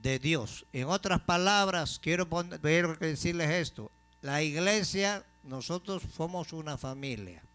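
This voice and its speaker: A man preaching a sermon as pastor, asking the congregation questions and slowing down to stress key phrases. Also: on the high side, animated, a bit bright, clear, resonant tone. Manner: call-and-response questions to the congregation.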